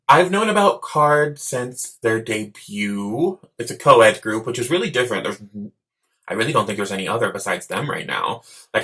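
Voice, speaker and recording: A man's voice: fairly low pitch, bright, forceful tone. A man giving casual reaction commentary as a host, talking in an effusive, campy, slangy way. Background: music videos playing.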